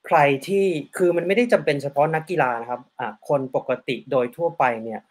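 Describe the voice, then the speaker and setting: A man's voice: on the high side, animated, a little fast, darkish tone. A man hosting an interview, switching between languages and politely summarizing and translating his guest's answers.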